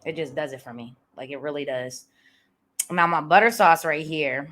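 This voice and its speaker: A woman hosting a mukbang, chatting casually and relaxed between bites while she eats. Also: sits low, normal speed. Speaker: mukbang host.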